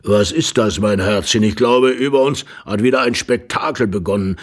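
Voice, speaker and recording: A man's voice: lowish voice, moderate pace, lightly acted. A man doing a sleepy old husband. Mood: drowsy. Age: older.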